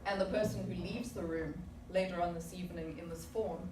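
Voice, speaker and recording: Speaking a little fast in a fairly low, steady voice, a woman in her forties from South Africa offers a club audience a reflective, prepared speech built around rhetorical questions. The meeting-room recording is echoey and noisy, picked up by a distant mic.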